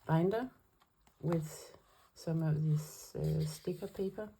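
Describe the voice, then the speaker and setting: This planner vlogger from Denmark sets up her weekly planner in casual, careful English, her second language, with a Danish accent, hesitating and using lots of fillers. She speaks slowly in a low-pitched, creaky, mellow voice. The audio is poor, with a slight hiss or hum.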